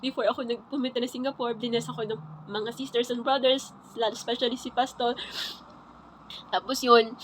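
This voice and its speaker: A woman with a high, bright-pitched voice shares her personal faith testimony. She talks haltingly, circling back and restarting her phrases as she goes. A faint hum of background noise sits behind her. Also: level tone, low-quality recording. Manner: halting, repetitive storytelling with many restarts. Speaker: churchgoer sharing her testimony.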